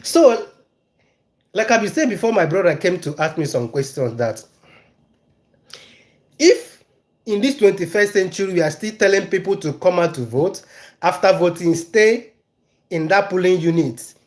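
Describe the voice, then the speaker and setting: A man's voice: high voice, expressive, moderate pace, long pauses. A Nigerian man giving casual live-stream commentary, emphatic and repetitive, hammering his key phrases and stopping to greet and answer viewers in the chat.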